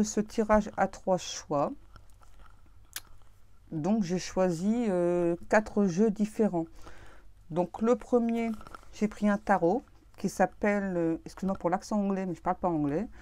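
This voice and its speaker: Soft-spoken woman tarot reader, hesitant. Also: mid-range voice, slow pace. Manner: hesitant, many fillers and restarts. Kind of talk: casual tarot reading monologue.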